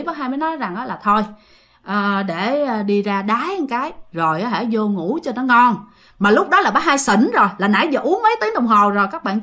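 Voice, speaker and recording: A woman tells a ghost story in a chatty, casual way. She speaks straight to her listeners, and her fairly high voice rises and falls a lot. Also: fairly bright tone. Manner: chatty, addresses listeners directly.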